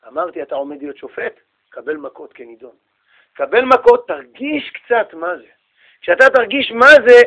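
Man doing a shrewd old sage, emphatic, bright high voice. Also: exaggerated voice, rough recording. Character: shrewd older male sage, calm and confident.

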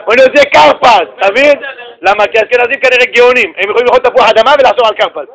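A rabbi giving a lively, humorous religious lesson, telling stories and joking with his listeners. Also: extremely high pitch, rough recording. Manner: animated, joking storyteller addressing the audience.

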